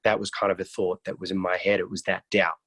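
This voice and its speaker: A man's voice: deep voice, level tone, fast talker, a bit bright, husky, no room sound. A man from Iraq, a guest on a mentoring video call, telling his life story casually with a joking streak and many restarts. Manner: joking, with frequent restarts and fillers.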